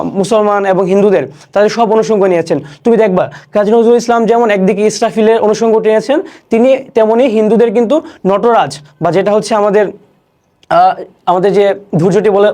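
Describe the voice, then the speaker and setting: A young man teaching an online class, explaining each word slowly and repeating questions and answers. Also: sits high, warm tone. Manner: recites poem lines slowly.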